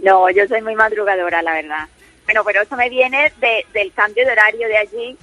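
Calling in to a casual phone chat, a talkative middle-aged woman born in Colombia, with a Spain Spanish accent, speaks a little fast in a mid-range, steady, sharp voice, full of fillers and restarts. The dull lo-fi phone line is free of echo, with soft music in the background.

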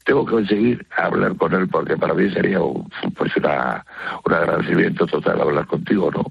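An older man from Spain with a gravelly smoker's rasp, chatting haltingly as a listener calling in to a radio show. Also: deep voice, dry recording. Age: older, early retired. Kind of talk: casual conversation, personal account. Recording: dull lo-fi call to radio.

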